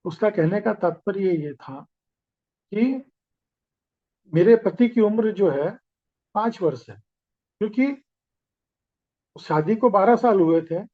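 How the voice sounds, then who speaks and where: A man telling a moral tale in a spiritual discourse, in a homely way with pauses, on a slightly muffled recording. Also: sits high, lively intonation. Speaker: spiritual speaker. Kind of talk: storytelling discourse.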